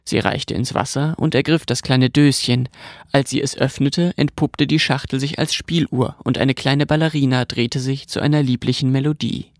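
A man reading a fairy-tale-like story aloud in a calm, even, unhurried way. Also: medium pitch, no room sound, clean studio sound. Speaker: narrator.

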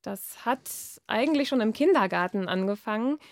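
A woman with a fairly high voice reads her novel aloud with expression. In the chat she answers with hesitant fillers. Her voice is recorded close and dry in a quiet studio. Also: lively intonation, moderate pace, dry recording. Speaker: author. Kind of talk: radio interview and reading.

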